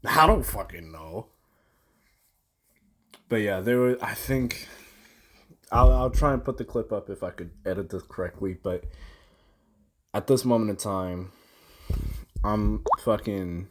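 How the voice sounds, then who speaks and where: Young male gamer, slow drawl, slangy and sweary, rambling vlog recap. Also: lowish voice. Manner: slangy, profane, rambling with restarts. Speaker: gamer recounting a boss fight.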